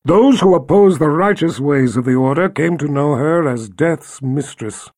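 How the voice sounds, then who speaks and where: A man voicing a brooding, jealous tyrant emperor with a deep rumbling voice, speaking slowly and menacingly. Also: a little mellow, dry recording, studio quality. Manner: slow, low and menacing.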